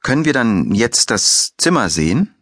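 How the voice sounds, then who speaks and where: Brief: calm, polite female detective, read by a man, composed and even, dry audiobook. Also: medium pitch, normal speed, no room sound. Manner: friendly, composed.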